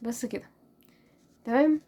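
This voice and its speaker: A woman with an Egyptian Arabic accent teaching French pronunciation in a casual lesson, spelling out letters and repeating each word slowly. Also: fairly high pitch, mellow. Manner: drills words slowly, repeating each one.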